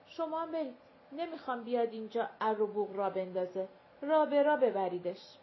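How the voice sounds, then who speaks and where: A woman voicing a stern, sharp-tongued mother of the house in a storybook reading, curt and dismissive. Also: a little high, expressive, natural voice. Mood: commanding. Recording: dull lo-fi recording with faint hiss.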